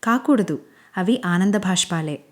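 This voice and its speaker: A woman voicing a playful young man who recites grand, theatrical mock-royal lines in a slow, drawn-out way. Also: mid-range voice, animated, natural voice.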